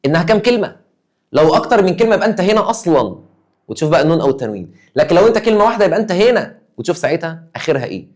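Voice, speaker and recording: Man, Egyptian accent, teacher, exam review, emphatic, rapid delivery. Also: fairly high pitch, big pitch swings, darkish tone. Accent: Egyptian Arabic. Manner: emphatic, acts out student questions.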